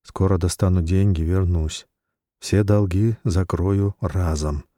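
A steady, unflustered husband speaks low and firm, as the male narrator voices him. His voice is deep and mellow. It sounds dry and close. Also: slow pace, no room sound. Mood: calm firm. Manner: calm, firm, even. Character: calm, weary man in debt, middle-aged.

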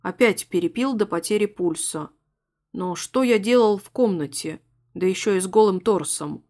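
Woman calmly reading a novel aloud. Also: medium pitch, normal speed. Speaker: narrator.

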